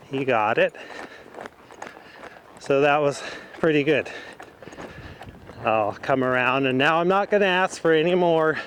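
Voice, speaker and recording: A horse trainer rides in an open outdoor arena, giving instruction in short, broken phrases. His voice is on the high side and a bit bright, with faint outdoor noise behind him.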